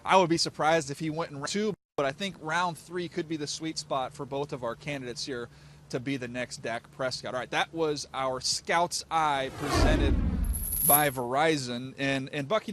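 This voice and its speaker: A man's voice: a little high, a bit bright, a little hiss or hum. A man hosting a football podcast, moving through segments and talking about draft picks. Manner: brisk, segment-driving host. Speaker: podcast host.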